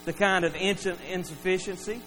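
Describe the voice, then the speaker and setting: High-voiced pastor preaching in a hall. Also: male voice, fairly even intonation, moderate pace, a bit bright, faint music behind. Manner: earnest, acts out quoted lines. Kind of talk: sermon. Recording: reverberant hall with mains hum.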